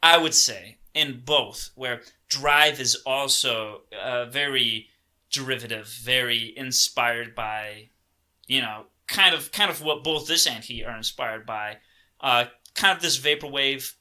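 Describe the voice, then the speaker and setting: A young man co-hosts a casual film podcast, talking slowly as he hunts for his words. His voice is very bright and sharp, and he restarts his sentences often. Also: medium pitch. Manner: slow and searching, many ums and restarts. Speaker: podcast co-host.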